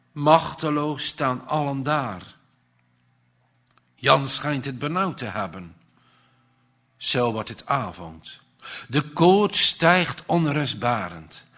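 Male narrator, earnest storybook reading, slow, bright tone. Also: mid-range voice. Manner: measured, earnest.

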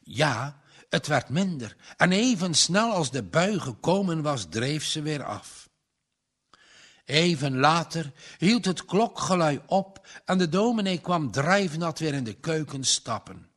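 Slow-paced male storyteller. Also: a little high, lively intonation, fairly bright tone. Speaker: narrator. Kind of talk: audiobook narration.

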